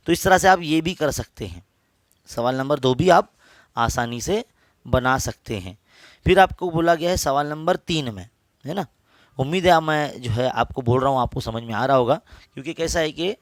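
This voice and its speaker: Man, maths teacher, Urdu accent, mid-pitched, patient and repetitive, dry close sound. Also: no room sound. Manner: patient, repeats each step, addresses students as children. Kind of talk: explaining geometry on a board.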